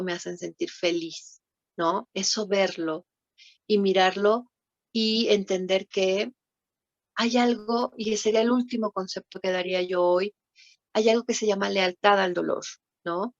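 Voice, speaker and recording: A woman's voice: medium pitch, dry recording. A woman with a Mexican Spanish accent giving a conference talk on thanatology. She keeps asking the audience tag questions as she teaches. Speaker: thanatology lecturer. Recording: dull lo-fi sound, dry room.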